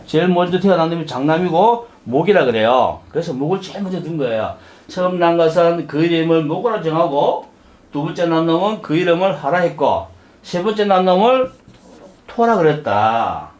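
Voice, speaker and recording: In a lecture room full of listeners, a middle-aged man teaching saju lectures live, often asking the class questions and performing little character voices. His fairly high voice is expressive, with a darkish tone and normal speed, and the sound is roomy.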